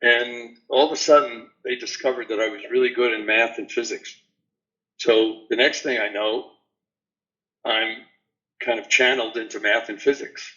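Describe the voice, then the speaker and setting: A man in his seventies from New York City, a guest answering interview questions in an unhurried, rambling way with many fillers. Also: medium pitch, fairly even intonation, bright, forceful tone, muffled recording. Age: 70s. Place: remote call from a beach house.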